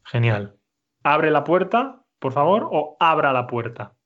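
Male language teacher, patient and clear, a bit high-pitched, muffled recording. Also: very animated. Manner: patient, slow and clear, repeats answers. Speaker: Spanish teacher. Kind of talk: conversational language lesson.

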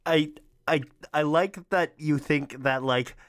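A man with a fairly high-pitched voice co-hosts a casual comic book podcast. He makes wry, teasing remarks in an easy, conversational way. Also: takes it slowly, fairly bright tone. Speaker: podcast co-host.

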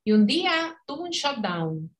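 A middle-aged woman with a Puerto Rican Spanish accent tells her story to a podcast host in relaxed conversation. Her voice sits a little high, and she is animated, acting out quoted dialogue and laughing easily. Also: measured pace. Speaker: podcast guest. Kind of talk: casual interview conversation.

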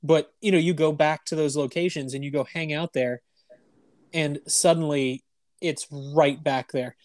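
Higher-voiced man, dry close sound. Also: fairly even intonation, a little mellow, no echo. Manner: chatty, quick to agree, laughs. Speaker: podcast co-host. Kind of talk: casual chat.

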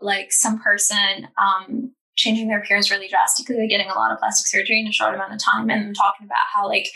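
Young woman from Estonia, bright tone, loose rambling chat, laughs often. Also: mid-range voice, vocal fry, low-quality recording. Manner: rambling, many fillers and restarts, laughs often. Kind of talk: casual chat.

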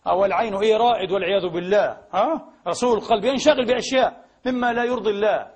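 A man preaching a Friday sermon in a mosque, animated, acting out little dialogues and laughing as he speaks. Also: high voice, rapid-fire, slightly rough.

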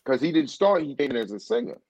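Animated and quick, the guest singer speaks in a slightly high, creaky voice with a darkish tone while telling a long, loose story. Frequent restarts and "you know what I'm saying" run throughout, and the recording is dry, dull and muffled.

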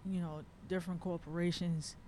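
A man from the Caribbean with a notably high voice chats on a podcast. He is easygoing and laughs a lot as he tells his stories, with a faint hiss of noise behind him. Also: flat delivery, normal speed, mellow. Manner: easygoing, laughs often, storytelling. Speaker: podcast co-host. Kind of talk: casual chat.

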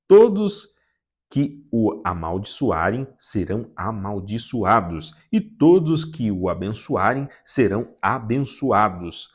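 A grave, aged father pronounces his words slowly, his voice rising and falling broadly, as a man reading scripture puts him on. The delivery is unhurried and weighty. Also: lowish voice, very animated, breathy edge, full character voice. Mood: solemn. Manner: slow, solemn pronouncing of a blessing. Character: aging blind father, solemn and grave.

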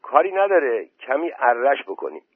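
A man's voice: mid-range voice, very animated, husky, dry recording, voice pushed up. Eager young villager, as a man reads him. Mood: offhand. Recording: dry tinny phone-like voice message.

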